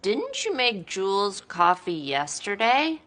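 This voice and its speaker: Sarcastic bossy wife, lively swooping voice, dry teasing. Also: female voice, medium pitch, takes it slowly, full character voice. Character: bossy sarcastic married woman, quick teasing wit. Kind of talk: sitcom acting.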